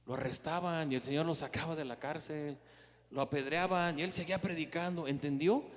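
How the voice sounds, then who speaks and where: A man preaching a sermon as pastor, emphatic, swinging between loud urgency and hushed earnestness as he speaks straight to the congregation. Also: on the high side, long reverb tail. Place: church.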